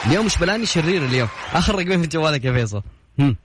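A man hosting a radio call-in quiz, teasing callers in a rapid, playful way. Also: on the high side, sing-song, a loud crowd. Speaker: radio quiz show host. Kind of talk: lively call-in radio banter. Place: radio studio. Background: background music bed.

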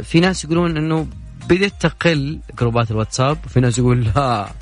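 A young man with a Saudi accent hosting a casual late-night radio call-in show, chatty and joking as he reads listener messages aloud. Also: medium pitch. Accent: Saudi Gulf Arabic. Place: radio studio. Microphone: studio microphone.

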